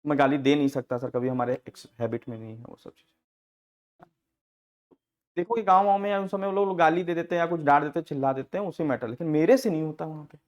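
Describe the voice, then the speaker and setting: A man teaching accounting software in a casual class, telling stories with frequent laughs and acting out the people in them. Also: a little high, fairly even intonation, quick pace, highs cut off. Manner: chatty storytelling, laughing often, acting out quoted people.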